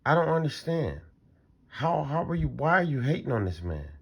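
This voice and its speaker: A man's voice: on the high side, sing-song, normal speed, vocal fry, slightly rough. A man hosting a reaction channel, talking casually and in disbelief about a clip he is watching. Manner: incredulous, repetitive, conversational.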